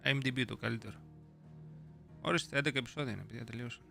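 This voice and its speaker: A young man with a gravelly, bright voice chats loosely on his live stream. He is playful and slangy, and he answers viewers' messages as he reads them. Faint music plays softly behind him. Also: mid-range voice. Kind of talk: casual live-stream chat.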